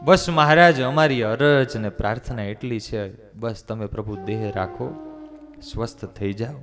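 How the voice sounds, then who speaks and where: A man voicing a helpless monk who pleads tearfully, soft and slow. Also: medium pitch, over music, natural voice. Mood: pleading.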